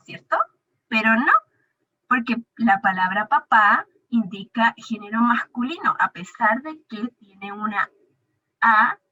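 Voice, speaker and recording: A woman with a bright, slightly high voice walks a child through a grammar lesson. She is patient and stretches each example word slowly. The sound is dull and lo-fi. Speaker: teacher. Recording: dull lo-fi recording.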